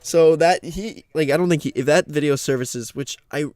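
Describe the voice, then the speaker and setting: A young man with a slightly raised pitch chats on a podcast. His voice sits close and dry on the mic. He rambles, laughs easily and leaves sentences unfinished. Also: moderate pace, a little mellow, no echo. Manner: rambling, laughs often, trails off mid-sentence. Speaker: podcast co-host. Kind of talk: casual podcast banter.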